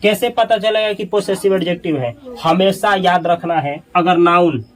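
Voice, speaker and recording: Slow high-voiced teacher. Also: male voice, poor audio. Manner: repeats key words slowly, drilling students with questions; drops low and soft when marking mistakes. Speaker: English teacher. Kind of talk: spoken grammar lesson.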